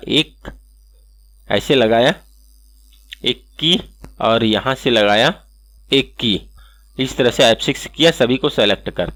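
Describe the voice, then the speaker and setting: A man's voice: mid-range voice, fairly bright tone, no room sound. Man explaining step by step, dry close mic. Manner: step-by-step, repeats "ठीक है" often. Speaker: animation tutorial host. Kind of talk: screen-recorded software tutorial.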